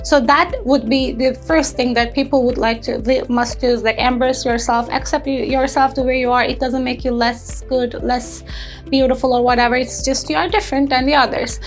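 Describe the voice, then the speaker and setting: In a testimonial interview about her own experience, a young Turkish intern and entrepreneur talks earnestly in a high-pitched, steady voice. She often pauses with fillers and restarts sentences while searching for words, and faint music sits behind her.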